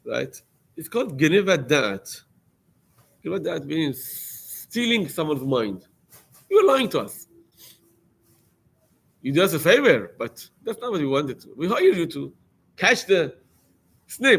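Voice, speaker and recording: Animated, gravelly-voiced man telling a story. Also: on the high side, unhurried. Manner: animated storyteller, acting out quoted lines, many fillers and restarts. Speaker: rabbi teaching a weekly class. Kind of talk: storytelling lecture.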